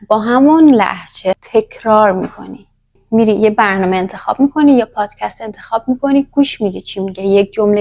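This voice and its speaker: A woman's voice: medium pitch, darkish tone. A woman teaching a language in a casual, chatty lesson, talking straight to the viewer. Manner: chatty, addresses viewer directly.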